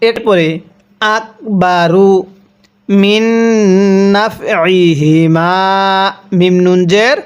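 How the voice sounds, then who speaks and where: A man teaching Quran reading, spelling out verses and reciting them slowly syllable by syllable, then explaining the rules at a quicker clip. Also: high-pitched, steady tone, clean tone, highs cut off. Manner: slow, drawn-out syllable-by-syllable recitation; switches to quick explanatory speech between recitations.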